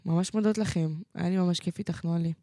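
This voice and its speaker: A woman's voice: lowish voice, fairly even intonation, dark tone, no room sound, clean studio sound. A woman co-hosting a talk show, telling personal stories in a chatty, reflective way. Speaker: co-host. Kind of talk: casual chat.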